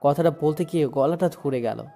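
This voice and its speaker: A man's voice: fairly high pitch, normal speed, creaky, warm tone, soft background music. A man narrating a first-person dramatic story in a sorrowful, emotive way. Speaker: narrator and lead voice.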